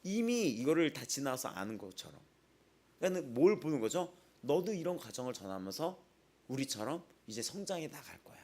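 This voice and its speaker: A man's voice: mid-range voice, big pitch swings, moderate pace, a little mellow. A male pastor giving a conversational sermon at a dawn prayer service. He often asks the congregation rhetorical questions and retells stories with repetitive, emphatic phrasing.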